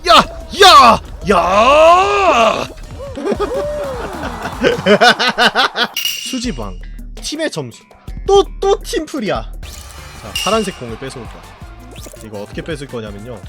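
A man streaming a party game, commenting live, often yelling and laughing at the action and cursing at rival players. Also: medium pitch, wildly swooping pitch, normal speed, pauses often, music in the background. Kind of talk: excited gameplay commentary.

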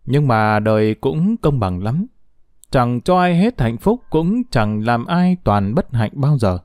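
A man reading a short story aloud as a storyteller, expressive and lively, close to the mic. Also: slow pace, no room sound. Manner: expressive reading with lively pitch, voicing quoted characters. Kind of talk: scripted narration of a short story.

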